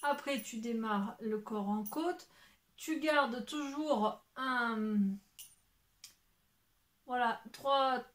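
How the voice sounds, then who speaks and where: A woman's voice: on the high side, drawn-out words, pauses often, fairly bright tone. A young woman chatting casually at home about her knitting, rambling with many fillers and self-corrections. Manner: occasional swearing, then apologizing. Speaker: knitting podcaster. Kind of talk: casual chat showing knitting to camera. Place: at home in front of shelves.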